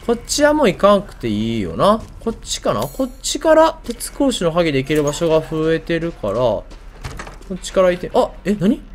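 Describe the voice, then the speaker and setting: Casual male game streamer, Kansai accent, highly varied intonation, thinks aloud, faint noise behind. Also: big pitch swings, a little fast. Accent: Kansai Japanese. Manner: thinks aloud in short questions and mutters to himself. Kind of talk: casual gameplay commentary.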